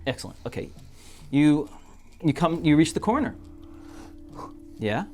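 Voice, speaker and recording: Female dungeon master, low and brisk; faint music behind. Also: big pitch swings, darkish tone. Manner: brisk, directive, prompts players. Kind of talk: running a tabletop game.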